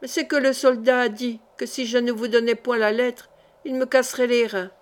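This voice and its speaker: A touchy, simple-minded young bread carrier, put on by a woman narrator, talking in clipped rustic country speech. The voice sits fairly high for the lad, as a storybook figure read aloud. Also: steady tone, normal speed, close to an everyday voice. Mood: piqued.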